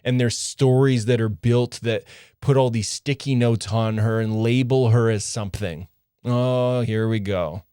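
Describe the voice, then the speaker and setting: A man's voice: medium pitch, steady tone, moderate pace, dark tone, clean tone, dry recording, clean studio sound. A man coaching other men on relationships, talking earnestly in short, clipped phrases. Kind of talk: direct coaching monologue.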